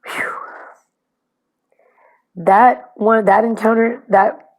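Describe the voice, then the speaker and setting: A woman's voice: a little high, steady tone, very slow. Anxious rambling woman's video diary. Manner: rambling and anxious, with many fillers and restarts; swears bluntly. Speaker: vlogger recording video diaries. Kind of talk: casual confessional video diary.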